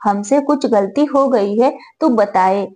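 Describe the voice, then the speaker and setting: A woman voicing a gentle young daughter-in-law who pleads softly in a spoken story. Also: a little high, slow pace. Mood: pleading gentle. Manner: soft, pleading.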